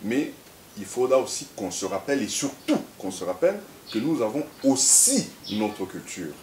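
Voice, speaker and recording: A man from Central Africa, an interview guest who talks haltingly, repeating words, then tells stories in a measured way. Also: mid-range voice, very animated, darkish tone. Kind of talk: reflective conversational interview. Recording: echoey room with faint hiss.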